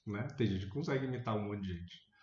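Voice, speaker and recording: A man with a Brazilian accent making his points in a casual debate, thinking aloud with restarts and sudden animated rises in pitch. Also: quick pace, slight background noise. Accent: Brazilian Portuguese. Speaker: debate panelist. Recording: echoey room, dull lo-fi sound.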